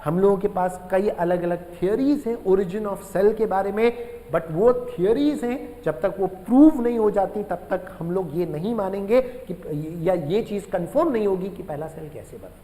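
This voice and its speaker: A male teacher giving a classroom lecture, often addressing the class as children and repeating key phrases slowly for students to write down. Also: sits high, expressive, dark tone, in a large hall, low-quality recording. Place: room with a writing board.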